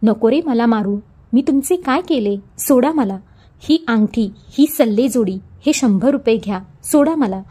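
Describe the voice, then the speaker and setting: A woman's voice: on the high side, animated, normal speed, mellow. A woman voicing a stubborn, fearless middle-aged man in a storybook reading, brusque and dismissive. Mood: pleading.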